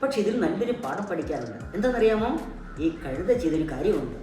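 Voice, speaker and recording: With music playing behind her, a low-voiced woman hosting a puppet show tells a children's story like a teacher, prompting with questions and repeating key words. Her pitch swings widely and her pace is quick. The recording is very echoey and distant.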